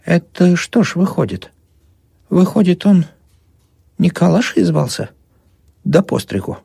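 A man's voice: high-pitched, very animated, a little slow, creaky, warm tone, slightly rough, dry recording, voice pushed up, exaggerated voice. A man voicing a stern old peasant woman who talks shrilly and demandingly in an audiobook.

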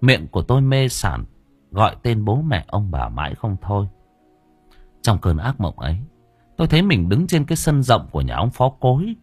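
A man narrates a ghost story with lively, dramatic intonation. His voice is husky and the recording is dry. Faint music plays underneath. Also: on the low side, moderate pace, dry recording. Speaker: audiobook narrator.

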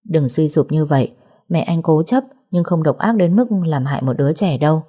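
A woman's voice: low-pitched, fairly quick, mellow, breathy edge. A woman voicing a firm, protective young man in a story, speaking with restraint. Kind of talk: audiobook character reading.

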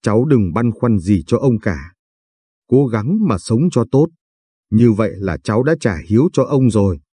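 A man's voice: on the low side, expressive, normal speed, warm tone, breathy edge, no echo, clean studio sound. A man voicing a frail, dying old grandfather who speaks wearily and teases his granddaughter fondly. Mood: weary. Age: older.

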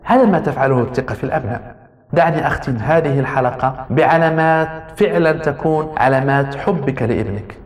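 A man's voice: mid-range voice, quick pace. A man giving a lecture on raising children, speaking straight to his listeners and repeating key phrases for emphasis. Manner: addresses listeners directly with rhetorical repetition. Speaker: parenting lecturer. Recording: roomy hall with long reverb.

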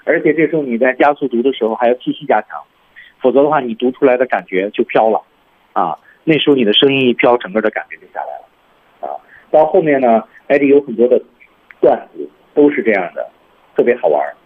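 A man's voice: mid-range voice, animated, fast, slightly rough. Man teaching on tinny radio audio. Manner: explains step by step, repeats film lines to demonstrate. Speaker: English teacher. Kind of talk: radio lesson on English speaking.

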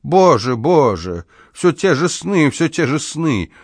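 A fretful old man tormented by his dreams, wailing and fussing in a high, strained voice, as a male storyteller puts him on. His outbursts leap up sharply in pitch and press hard. The sound is dry and close, with no room around it. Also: unhurried, dry recording. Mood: anguished.

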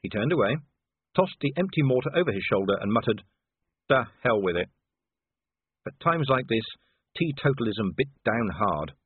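Husky man narrating on a tinny line. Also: medium pitch, big pitch swings, a little fast, dry recording. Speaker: audiobook narrator. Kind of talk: audiobook narration. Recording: tinny phone-like audio.

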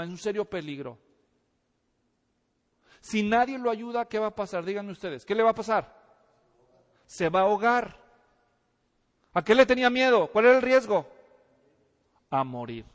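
A man preaching a sermon, telling a story in a lively way, acting out the voices and asking the congregation questions. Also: high-pitched. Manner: animated storytelling, acts out voices, asks the audience questions. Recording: reverberant hall.

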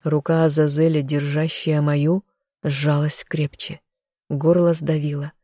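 An audiobook narrator reading first-person narration in an even, measured way. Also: mid-range voice, no room sound, studio quality.

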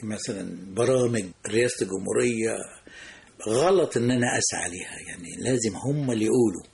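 Brisk older Egyptian man reminiscing. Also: lowish voice, creaky, a little mellow. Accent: Egyptian Arabic. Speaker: guest, veteran news broadcaster. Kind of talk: radio interview.

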